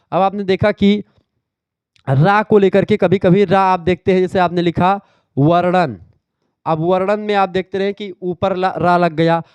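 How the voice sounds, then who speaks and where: A man with a high, smooth, clear voice delivers an exam revision lecture. He explains step by step, repeats key terms and quizzes his students. The recording is dry and a little dull. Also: darkish tone, no echo. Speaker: teacher.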